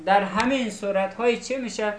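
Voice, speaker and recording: A woman's voice: medium pitch, crowd noise. A woman teaching a class, patiently explaining and often asking if the students follow. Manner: patient, keeps checking students understand. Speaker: Arabic teacher. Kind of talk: classroom lesson. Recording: echoey classroom.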